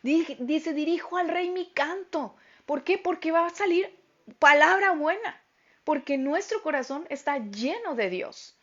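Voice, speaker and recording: A middle-aged woman teaching a Bible lesson to a women's group, speaking loudly and emphatically. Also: high-pitched, expressive, measured pace, dull audio. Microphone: phone.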